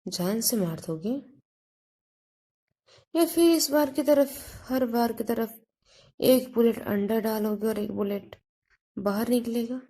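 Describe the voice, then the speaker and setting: A woman's voice: a little high, slow, long pauses, dark tone. Naina, a woman doing a defiant mocking heroine. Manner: mocking, sarcastic.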